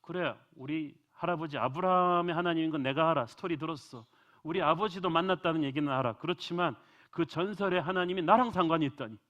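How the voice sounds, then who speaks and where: A man playing Jacob, an astonished young fugitive who speaks with excited disbelief, on a dull, lo-fi recording. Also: a little high, fast talker, voice pushed up, natural voice. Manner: excited and incredulous.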